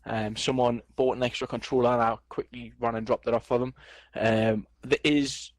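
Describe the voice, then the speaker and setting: A man's voice: mid-range voice, level tone, moderate pace, dry recording. A man hosting a casual gaming podcast, joking and playfully boastful as he chats with his co-hosts. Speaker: podcast host.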